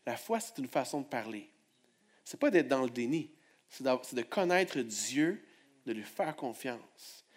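A male pastor preaching a sermon, moving from hushed prayer to loud exclamations and calling on the congregation to respond. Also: medium pitch, sing-song, measured pace.

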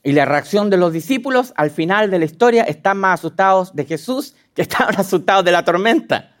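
Animated preacher man with a lively high voice. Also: a little fast. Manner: animated, acts out quotes with sudden high dramatic voices; asks the listeners direct questions. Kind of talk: sermon.

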